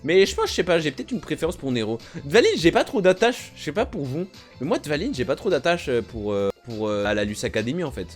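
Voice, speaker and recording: A young man, a video creator, chatting casually in an animated, slangy and emphatic way, often repeating himself. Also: fairly high pitch, quick pace, few pauses, faint music behind. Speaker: youtuber. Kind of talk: casual reaction chat.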